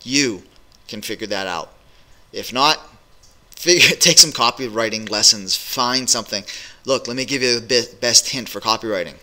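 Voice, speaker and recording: Sitting at a desk in a small home office, a middle-aged business coach delivers business advice to his webcam. His voice is very bright and sharp yet mid-range in pitch, at normal speed, and he speaks energetically and directly, with frequent uhs and ums.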